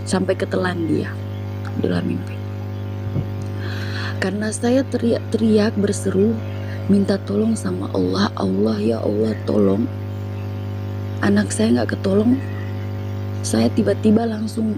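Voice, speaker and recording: A woman's voice: mid-range voice, lively intonation, unhurried, pauses often, music in the background, rough recording. A woman telling an earnest, emotional personal testimony as an interview guest.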